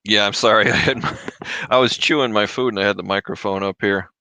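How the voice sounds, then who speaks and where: A man's voice: on the low side, steady tone, a little fast, pushed and bright, dry recording, rough recording. A man from Michigan hosting a casual livestream, chatting with viewers and answering their reselling questions while he eats. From Michigan, USA. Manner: chatty, reads viewer comments aloud, chews while talking. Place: his home. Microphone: desk microphone. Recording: dry close mic, drops off when mic moved away.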